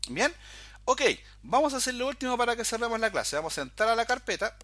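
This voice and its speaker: Very high-pitched and sing-song, this man talks fast with a sharp tone, and the recording has no room sound. He's a programming instructor in a screen-recorded tutorial, explaining step by step and often telling viewers "fíjate" to flag details.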